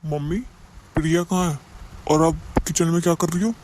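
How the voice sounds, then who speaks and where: A man's voice: fairly high pitch, little pitch movement, moderate pace, background noise, close to an everyday voice. A man voicing a young, hot-headed husband in a cartoon, indignant and stern.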